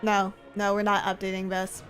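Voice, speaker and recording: This gaming livestream features a VTuber and content creator chatting informally and rambling, with lots of repeated phrases. Her medium-pitched voice is monotone and fairly bright, at a moderate pace, over soft background music.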